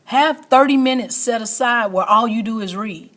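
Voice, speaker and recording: A woman's voice: a little high, normal speed, a bit bright. A middle-aged or older woman hosting an online motivational talk like a teacher, speaking emphatically and repeating key phrases for stress. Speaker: teacher and online show host.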